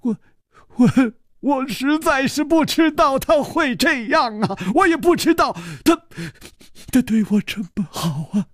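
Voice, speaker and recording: A man's voice: very high-pitched, lively intonation, a little slow, no room sound, clean studio sound, voice pushed up. A male storyteller voicing a timid young male servant who stammers and pleads tearfully. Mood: tearful, stammering. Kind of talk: storytelling with character voices.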